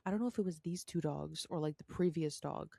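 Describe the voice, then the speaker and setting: A young woman co-hosting a podcast, animated and incredulous in casual chat. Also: sits low, a little fast, creaky, slightly rough, no echo, clean studio sound. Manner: animated, incredulous, laughing asides. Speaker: podcast co-host.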